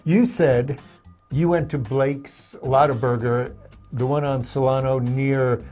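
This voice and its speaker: A man's voice: mid-range voice, steady tone, takes it slowly, darkish tone, soft background music. A man co-hosting a talk show in casual chat, teasing his partner with playful banter. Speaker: co-host.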